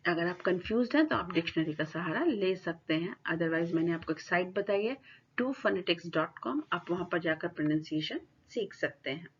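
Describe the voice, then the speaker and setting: A woman teacher giving a lecture, explaining points in Hindi and reading English definitions out slowly. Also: on the low side, lively intonation, muffled recording, a little hiss or hum. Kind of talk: classroom lecture.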